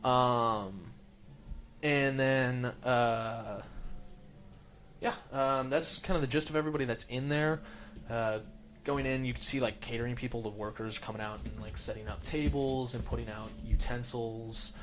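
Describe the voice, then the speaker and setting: A man narrating as game master in a tabletop game, loose and relaxed with lots of fillers. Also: mid-range voice, a little slow, slight background noise.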